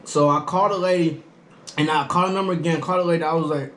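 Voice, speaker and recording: A man telling a casual story in an animated way, repeating phrases and quoting back conversations. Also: on the high side, rapid-fire. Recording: roomy echo, faint background noise.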